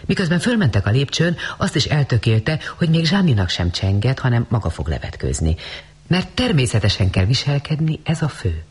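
A man reads a story aloud with expressive, dramatic storytelling. His voice is breathy and husky, and his pitch moves in a lively, animated way. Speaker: narrator. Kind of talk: audiobook story reading.

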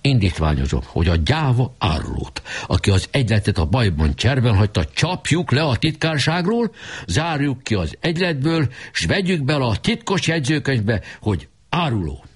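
A man's voice: medium pitch, very animated, husky, voice pushed up. A man voicing an agitated schoolboy who makes a formal motion in a club meeting.

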